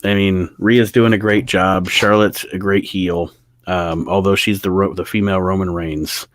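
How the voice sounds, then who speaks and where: A man's voice: deep voice, level tone, moderate pace, fairly bright tone, no echo. A man co-hosting a podcast in casual, opinionated chat, reading viewer comments aloud. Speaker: podcast co-host.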